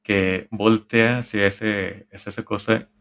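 A man with a Mexican accent, a podcast co-host telling a story in a rambling, halting way, full of slang and swearing. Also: fairly low pitch, steady tone, fairly bright tone. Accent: Mexican Spanish. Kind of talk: casual storytelling among friends.

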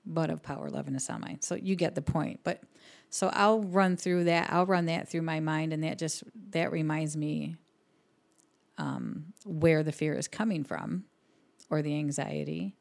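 Low gravelly-voiced woman podcast co-host. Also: little pitch movement, measured pace. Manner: warm storytelling, laughs easily, quotes scripture. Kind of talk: casual faith podcast chat.

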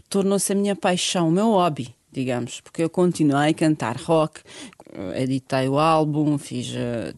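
A middle-aged Bosnian woman, a guest singer, talks in a radio interview with a low, darkish voice, speaking earnestly in a learned language and searching for words. The studio sound is clean, with no echo.

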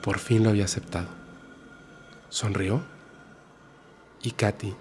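A man narrating a horror story in a slow, hushed, dramatic way as the show's storyteller. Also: on the low side, fairly even intonation, a little hiss or hum. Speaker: storyteller host.

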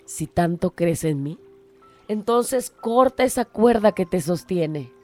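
A woman voicing God as a deep, calm and testing presence while she tells a story. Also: takes it slowly, faint music behind. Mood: solemn.

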